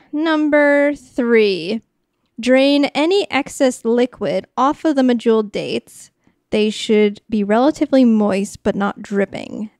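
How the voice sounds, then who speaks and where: A woman's voice: a little high, darkish tone, dry recording, clean studio sound. A young woman and podcast host, chatting in a rambling, self-deprecating way while she cooks and talks about editing. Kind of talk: casual cooking vlog narration.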